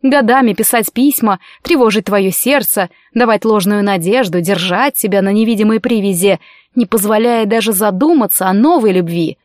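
A woman reading an audiobook, voicing a scheming young male sorcerer who speaks in a soft, coaxing, insinuating way. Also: medium pitch, moderate pace, no room sound, clean studio sound, lightly acted.

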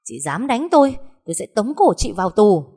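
A woman's voice: lowish voice, very animated, quick pace. A woman voicing an insolent young wife who mocks and talks back. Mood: scornful. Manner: mocking, sharp-tongued.

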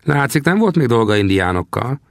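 A man's voice: mid-range voice, big pitch swings, gravelly, dry recording, clean studio sound, voice pushed up. A man voicing a teasing old male frontier trapper in an audiobook, with a mocking, cackling manner.

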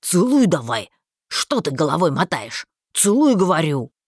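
Female narrator as an easily outraged young man, loud, slightly husky, dry read. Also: low-pitched, very animated, a little slow, no room sound, heavily acted. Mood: indignant. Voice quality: shouting, indignant. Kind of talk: audiobook character voicing.

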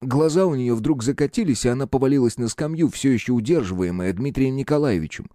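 A man narrating an audiobook in an expressive, varied reading style. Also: mid-range voice, fast, no echo, studio quality. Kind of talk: scripted narration.

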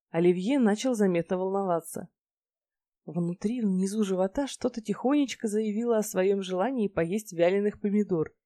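A woman narrating a first-person fantasy romance audiobook in a wry, lively storytelling manner. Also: mid-range voice, no echo.

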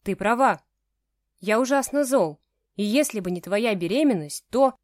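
A woman's voice: fairly high pitch, animated, moderate pace, darkish tone, dry recording, close to an everyday voice. A woman voicing a domineering young man who gives curt orders to his fiancée. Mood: stern. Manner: curt commanding tone.

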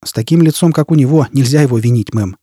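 A man playing a small, blunt male sergeant who speaks in a gruff, coarse, matter-of-fact way. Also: mid-range voice, fast, dark tone, dry recording, studio quality, close to an everyday voice.

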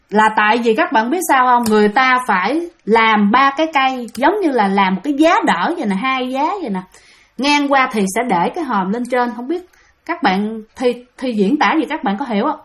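A woman with a Southern Vietnamese accent telling a ghost story casually, chatting to her listeners as she goes. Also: sits high. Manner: chatty, keeps addressing listeners.

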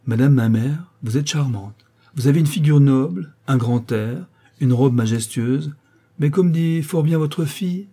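A man's voice: mid-range voice, normal speed, dark tone, husky, lightly acted. A man reading aloud, voicing a jovial young count who banters in a playful, mock-courtly way. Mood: mocking gallantry. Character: jovial young gallant male count, teasing.

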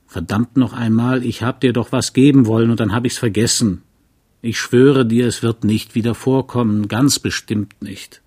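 A man reading the part of a gruff small-town doctor who blusters out an apology to his wife. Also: mid-range voice, fairly even intonation, normal speed, a little mellow, lightly acted. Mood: blustering.

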